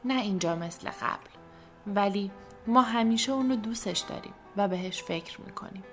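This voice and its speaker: A woman voicing a tender mother in a storybook, speaking quietly and soothingly. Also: medium pitch, faint music behind, lightly acted. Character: tender mother comforting her daughter.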